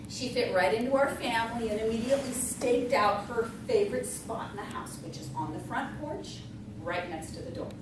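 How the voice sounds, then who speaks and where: A middle-aged woman telling a folksy tall tale live, in a conversational, tongue-in-cheek way. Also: mid-range voice. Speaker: storyteller in a tall tales contest. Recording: echoey room from far off, noisy.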